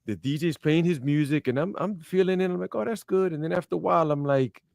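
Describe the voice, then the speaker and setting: A man's voice: on the high side, fast talker, gravelly, a little mellow, dry recording, clean studio sound. A middle-aged man with a Brooklyn, New York accent, chatting casually in slangy talk and repeating his phrases. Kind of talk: casual chat.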